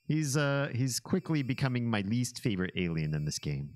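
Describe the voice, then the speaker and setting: A man's voice: mid-range voice, very animated, moderate pace. A man giving casual gameplay commentary with wry, joking asides. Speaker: gamer playing and commenting.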